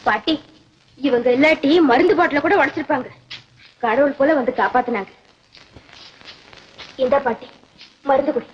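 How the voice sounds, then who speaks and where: A woman's voice: high voice, moderate pace, pauses often, lo-fi sound, slight background noise, lightly acted. An actress playing a poor orphaned young woman weeping for her grandmother, crying through desperate pleas, in an old Tamil film melodrama. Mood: gentle. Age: young adult. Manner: sobbing, despairing pleas. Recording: old film soundtrack with faint music.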